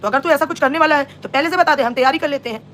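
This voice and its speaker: A woman hosts a live-stream gossip commentary in a high, light voice. She scolds and taunts with heavy sarcasm, talking straight at the person she's calling out. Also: rapid-fire, fairly bright tone, slight background noise.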